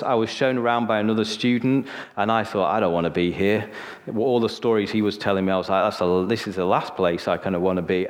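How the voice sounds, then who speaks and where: A preacher from Sheffield with a northern English accent and a lowish voice shares his personal testimony in a sermon, relaxed and chatty. He tells his story with frequent "okay?" asides to the room, and long reverb suggests a large hall.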